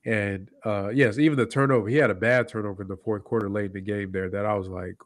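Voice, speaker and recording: A man's voice: on the low side, fairly even intonation, fast, no room sound. A man with a stuffy, nasal voice from a cold, co-hosting a casual post-game basketball chat in a laid-back, slangy way full of fillers. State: sick, congested nasal voice. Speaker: co-host of a basketball podcast.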